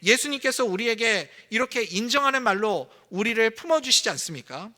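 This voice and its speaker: A man pastor preaches a sermon in a conversational style, now and then acting out the lines he quotes. His voice sits high and sounds bright and forceful. A long reverb from the church sanctuary trails behind his words. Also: animated, fairly quick.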